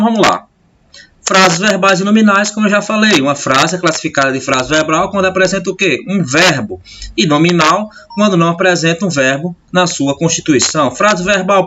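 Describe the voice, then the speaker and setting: A man's voice: fairly high pitch, background noise. A teacher with a Brazilian Portuguese accent giving a classroom grammar lesson over slides. He keeps checking in with the class and answers his own questions. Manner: checks in constantly with "tá?" and "né?"; asks questions then answers them himself.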